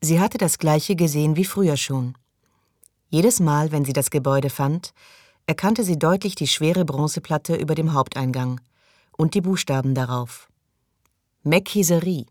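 A woman narrating an audiobook in an even, measured way. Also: low-pitched, dry recording, studio quality. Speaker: audiobook reader. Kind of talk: scripted narration.

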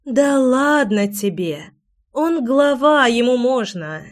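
A woman's voice: sits high, sing-song, slow, pitched above the performer's own voice, full character voice. A woman voicing a playful, curious young woman who coaxes and teases in an audiobook scene. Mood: teasing. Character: lively teasing young woman, curious meddler.

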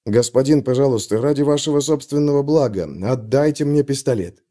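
A man voicing a calm, controlled bodyguard who speaks quietly and in a measured low voice. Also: natural voice.

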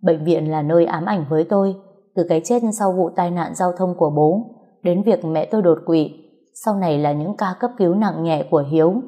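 A woman narrating a first-person story in a soft, steady, scripted way. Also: lowish voice, brisk.

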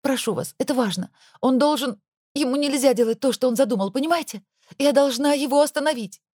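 A woman's voice: medium pitch, expressive, a little fast, warm tone, breathy edge, no echo, clean studio sound, pitched above the performer's own voice. A woman voicing a desperate young woman in an audiobook, pleading urgently.

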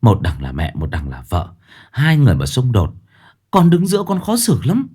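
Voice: sits low, big pitch swings, normal speed, dark tone. A storyteller voicing a meek young husband who hesitates and stammers as he placates his mother and wife. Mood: pleading.

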